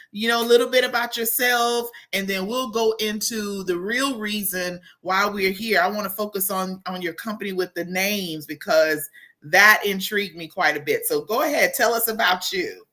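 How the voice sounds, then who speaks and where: Bright-voiced chatty woman hosting a show. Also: mid-range voice, normal speed. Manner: chatty, exclamatory, teasing. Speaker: show host. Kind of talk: casual talk show hosting.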